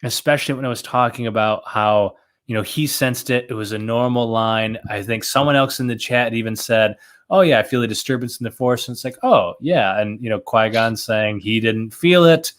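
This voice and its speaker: A man's voice: medium pitch, normal speed, fairly bright tone. A young man chatting casually on a trivia livestream, rambling and self-mocking with lots of fillers. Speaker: trivia contestant and co-host.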